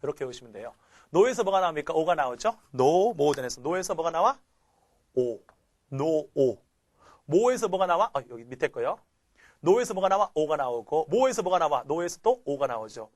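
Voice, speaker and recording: A man's voice: fairly high pitch, lively intonation, unhurried, no echo. A man teaching English grammar in a recorded lecture, asking rhetorical questions and chanting phrases for his students to memorize. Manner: keeps asking rhetorical questions and tags "그렇죠?"; drills phrases by chanting them.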